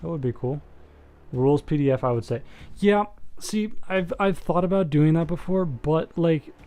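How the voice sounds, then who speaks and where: A man's voice: fairly high pitch, moderate pace, mellow. A young man hosting a live-streamed board game, chatting with his viewers in a joking, rambling way with plenty of fillers. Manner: chatty, joking, talks to chat, many fillers. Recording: music faintly behind the voice.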